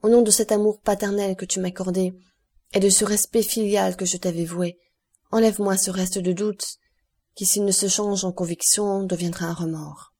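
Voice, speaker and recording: A woman's voice: mid-range voice, fairly even intonation, normal speed, mellow, husky. A woman reading as a grave, earnest nobleman. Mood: fervent. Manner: solemn, earnest. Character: grave, generous male nobleman, former sailor. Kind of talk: audiobook character voice.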